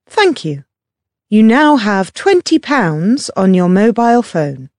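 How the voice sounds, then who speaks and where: A woman voicing a polite automated phone menu for a helpline, with measured, clearly enunciated scripted prompts. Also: mid-range voice, sing-song, a little mellow, dry recording, clean studio sound. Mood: polite, instructive.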